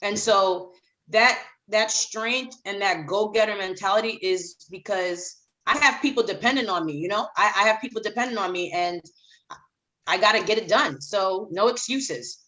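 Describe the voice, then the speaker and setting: A woman's voice: mid-range voice, normal speed, pushed and bright, poor audio. A middle-aged woman from Haiti, a children's author talking as a guest in a podcast interview, emphatic and repeating phrases for emphasis.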